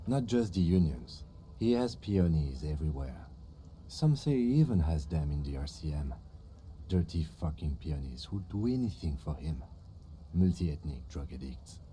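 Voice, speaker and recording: Very deep, bright-edged police lieutenant. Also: male voice, sing-song, normal speed, a little hiss or hum. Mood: cold menace. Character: calm, stern police lieutenant, menacing when bluffing. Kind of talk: dramatic video game dialogue.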